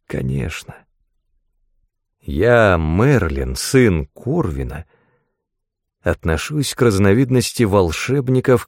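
A man narrating a fantasy audiobook in the first person, with expressive, dramatic storytelling. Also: fairly low pitch, vocal fry, dry recording, studio quality.

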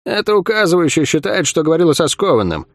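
A man voicing a gruff, weary female assassin who grumbles and snaps sarcastically in an audiobook. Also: on the high side, very animated, fast, no room sound, clean studio sound, voice pushed up. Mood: grumbling.

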